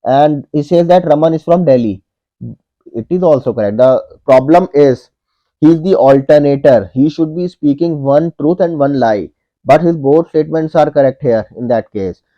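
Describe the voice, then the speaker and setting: A man's voice: on the high side, normal speed, dark tone. Methodical man tutoring a logic puzzle. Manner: methodical, repeats each step and says "okay" often. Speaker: online tutor. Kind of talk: whiteboard puzzle walkthrough. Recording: dull lo-fi audio.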